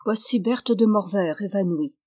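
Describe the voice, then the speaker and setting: A woman reading the lines of a stern noble mother with a sharp, reproachful manner. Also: medium pitch, moderate pace, close to an everyday voice.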